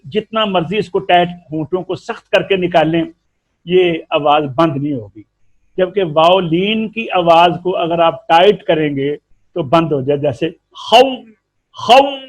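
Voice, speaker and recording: A man with an Urdu accent teaching a tajweed lesson, explaining patiently and stretching out syllables to demonstrate sounds. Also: on the high side. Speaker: Quran recitation teacher.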